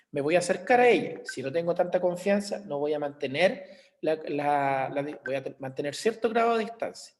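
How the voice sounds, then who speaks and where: Chilean teacher lecturing on a video call. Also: male voice, on the high side, a little mellow. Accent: Chilean Spanish. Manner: explains with everyday examples, checks in with "¿ya?". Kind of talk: online class lecture. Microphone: computer mic on a video call.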